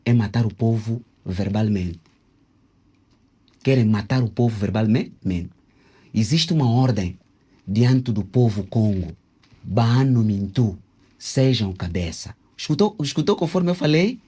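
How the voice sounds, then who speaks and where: A man answering interview questions in a didactic way, often pausing and sounding out words syllable by syllable. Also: fairly low pitch, animated, dark tone, slightly rough. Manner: didactic, spells out Kikongo words syllable by syllable with many hesitations. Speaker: interviewee, self-proclaimed traditional king.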